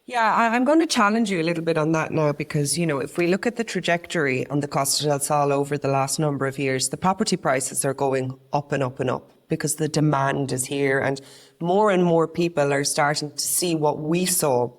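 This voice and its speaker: Co-hosting a casual podcast, a woman from Ireland speaks briskly in a deep voice. She sounds earnest and conversational, often starting her sentences over.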